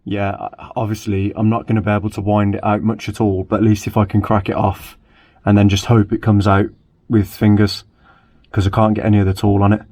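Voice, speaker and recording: A man's voice: fairly low pitch, little pitch movement, brisk, mellow, no room sound. A man hosting a casual car repair vlog, chatting and thinking aloud with dry asides as he works in a garage. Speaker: car repair channel host.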